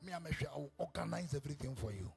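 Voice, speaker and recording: A man's voice: fairly high pitch, animated, racing, vocal fry, music in the background, pitched below the performer's own voice. A man voicing a polite but evasive wife who offers her husband a grand funeral instead. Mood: placating.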